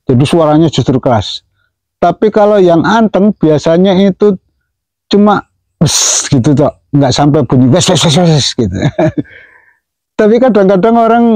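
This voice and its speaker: A pigeon keeper with a warm voice on the high side casually explains pigeon racing to viewers, mimicking the whoosh of wings and chuckling often. The audio is poor but has no echo.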